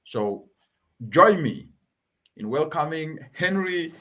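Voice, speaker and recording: Male host, emphatic and earnest, voice sitting a bit high. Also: lively intonation, slow pace, sharp tone. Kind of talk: talk show interview.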